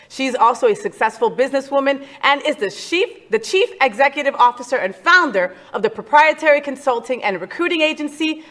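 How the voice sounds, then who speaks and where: A woman hosts a casual talk show interview. She is playful and teasing, tossing in quick jokes. She is from New Jersey. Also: sits high, fairly bright tone.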